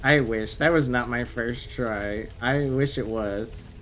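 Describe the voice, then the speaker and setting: A man whose first language is French streams a game live, chatting casually with viewers in a slow, medium-pitched, slightly bright voice. He bursts into swearing and sudden exclamations, and there's a little hiss or hum.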